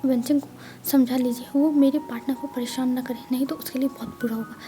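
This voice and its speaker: A woman's voice: high-pitched, fairly even intonation, quick pace, dark tone, close to an everyday voice. A woman voicing a stern, possessive rich young man, with music faintly behind. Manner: stern, curt.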